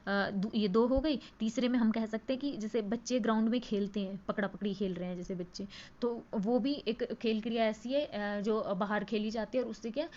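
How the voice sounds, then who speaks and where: A woman's voice: on the high side, steady tone, normal speed, a little mellow, lo-fi sound. A woman tutor giving an exam-prep lecture. She explains at length, with many fillers and repeated words.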